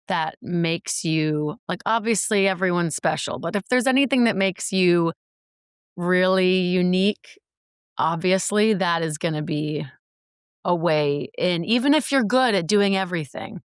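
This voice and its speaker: A chatty woman narrator in her thirties talks through her career in a casual interview, often circling back and restarting. Her voice sits a little low and the recording is dry and close. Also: clear, resonant tone, dry recording. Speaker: audiobook narrator, guest.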